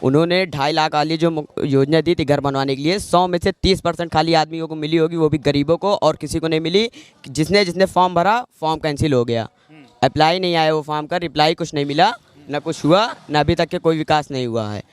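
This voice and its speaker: A man's voice: a little high, a little fast, smooth. A man giving a street interview, complaining in an indignant tone. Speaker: local resident interviewed.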